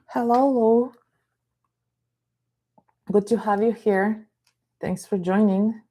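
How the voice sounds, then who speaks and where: Calm and explanatory, a middle-aged Bulgarian woman who coaches and does therapy speaks to a live audience online, greeting people by name. She talks slowly at a medium pitch.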